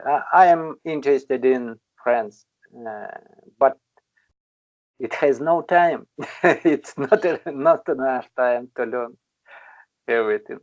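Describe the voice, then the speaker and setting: Practicing English in an online conversation group, a Kalmyk-speaking older man from Kalmykia, Russia, chats casually but haltingly, with frequent long hesitations. His medium-pitched voice is a little mellow, and the muffled, dry call has no echo.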